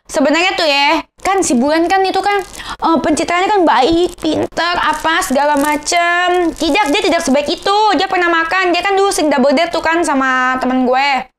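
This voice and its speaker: A woman with a notably high voice speaks in a Jakarta Indonesian accent. Her r sounds are unclear from a lisp. She chats to viewers in a gossipy vlog rant, rambling, repeating herself and tripping over words. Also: moderate pace, fairly bright tone. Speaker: vlogger.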